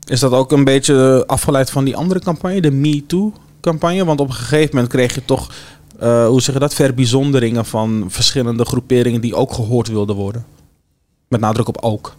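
Man, talk show host, hesitant, many fillers, average pitch. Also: fairly even intonation, a little fast, a little mellow.

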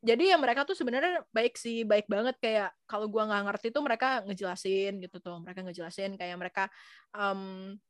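A woman's voice: medium pitch, fairly quick, no echo, studio quality. A young woman chatting casually and telling stories, often acting out the voices of people she quotes. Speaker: guest sharing experiences abroad. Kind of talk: casual chat.

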